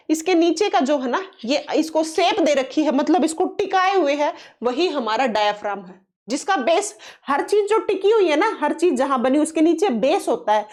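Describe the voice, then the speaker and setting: Casting note: high-voiced female teacher, exam-prep science class, repeats key terms, asks then answers her own questions. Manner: coaxing, reassuring tone toward students; reads English question text slowly.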